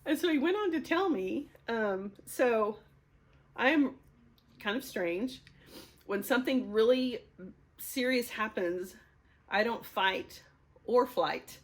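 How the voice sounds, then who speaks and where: A woman's voice: fairly high pitch, expressive, takes it slowly, long pauses. A woman in her fifties sharing a personal testimony, speaking candidly and with emotion, often laughing through hard memories.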